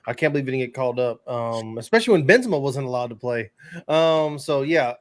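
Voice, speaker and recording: A man co-hosts a casual soccer podcast, offering emphatic, slangy opinions as a pundit in relaxed sports chat. His medium-pitched voice is expressive and moves a little fast.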